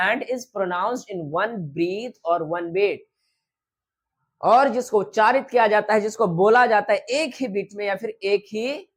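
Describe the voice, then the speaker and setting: A woman teaching a lesson, reading English definitions slowly and then explaining them quickly in Hindi. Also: mid-range voice.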